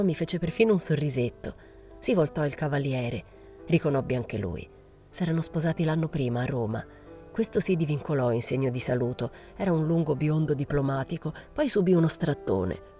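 A woman reading a novel aloud in a measured first-person narration. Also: rumbling low, dark tone. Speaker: reader.

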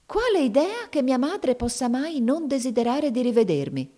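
A woman's voice: mid-range voice, expressive, moderate pace, darkish tone, voice pushed up, close to an everyday voice. Woman reading as an anxious little girl. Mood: pleading. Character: small eager girl, anxious about her mother. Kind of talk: audiobook reading.

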